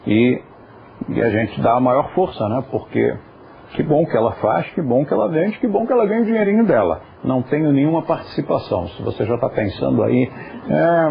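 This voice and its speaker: A man's voice: medium pitch, creaky, slight background noise. A man teaching a yoga class, patiently explaining pronunciation and turning aside to talk to viewers at home. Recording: dull lo-fi recording.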